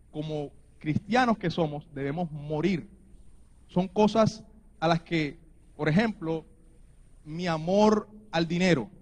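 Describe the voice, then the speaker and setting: Colombian male preacher, high voice, earnest sermon, rises to emphatic urging. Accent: Colombian Spanish. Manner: earnest, building to emphatic exhortation.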